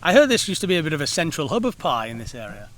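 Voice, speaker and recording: Man interviewing, slightly raised pitch. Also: sing-song, racing, fairly bright tone, no room sound. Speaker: interviewer, channel host. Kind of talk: casual interview questions.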